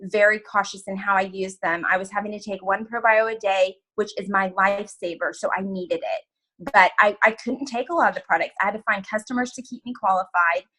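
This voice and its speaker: A woman in her thirties telling her personal story in a candid, emotional testimony to a group, full of quick asides and quoted dialogue. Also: medium pitch, fairly even intonation, bright, forceful tone, low-quality recording. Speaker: network marketing distributor sharing her story.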